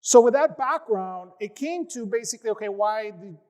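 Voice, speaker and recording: A man with a notably high speaking voice gives a tech conference talk. He is upbeat and animated, and his speech is loose with "uh" fillers. He sounds like a company founder presenting to developers. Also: moderate pace. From United States. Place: conference session room.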